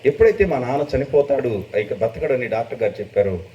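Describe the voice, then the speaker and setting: A middle-aged man preaching a testimony sermon, telling his story with emotion and rising to loud, high bursts. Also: lively intonation, fast. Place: church gathering. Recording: distant dull mic with faint noise.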